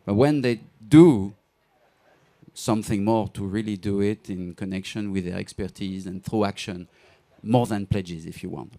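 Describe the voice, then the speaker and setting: A man giving a hesitant award ceremony speech, pausing often with fillers before announcing a winner. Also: fairly low pitch, mellow. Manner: hesitant, halting with many fillers. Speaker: award presenter.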